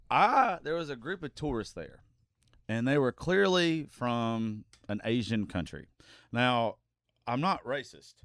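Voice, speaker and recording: A man's voice: mid-range voice, a bit bright, dry recording. Guy on a podcast, cussing and laughing, voice jumps around a lot, dry close sound. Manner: crude, profane storytelling, laughs often. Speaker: podcast host or regular. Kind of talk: casual chat.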